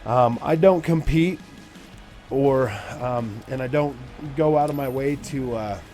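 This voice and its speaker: A man's voice: medium pitch, a little slow, warm tone, soft background music. A man in his forties hosting his gaming channel, chatting casually and rambling with many fillers while he plays a racing game. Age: 40s. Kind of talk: casual commentary while playing. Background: racing game engine sounds.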